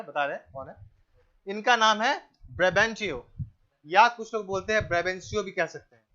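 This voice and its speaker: A male teacher giving a classroom lecture, asking the class questions, answering them himself, repeating key names and telling the students to keep quiet. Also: sits high, muffled recording. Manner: tells the class to keep quiet and pay attention.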